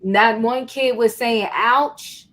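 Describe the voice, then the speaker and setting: A woman's voice: medium pitch, slow. A woman hosting a casual panel discussion. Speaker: host.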